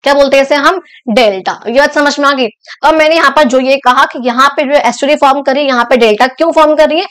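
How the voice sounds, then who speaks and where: A woman's voice: high voice, fast talker, fairly bright tone. A young woman teacher explaining a school geography lesson in a chatty way, often stopping to check that the students follow. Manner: chatty, repeats and checks understanding.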